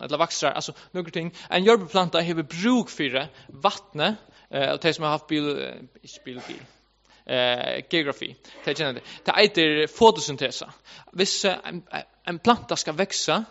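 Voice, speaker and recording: A man's voice: fairly high pitch, gravelly, a bit bright. A man preaching a sermon to a congregation, earnest and repetitive, restating each point as he builds his argument. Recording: dull lo-fi recording.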